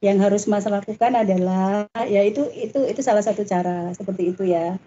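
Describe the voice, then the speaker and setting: A woman's voice: medium pitch, fairly even intonation, a little fast, warm tone, lo-fi sound, a little hiss or hum. A woman giving a parenting talk in a chatty way, full of tag questions. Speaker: parenting speaker.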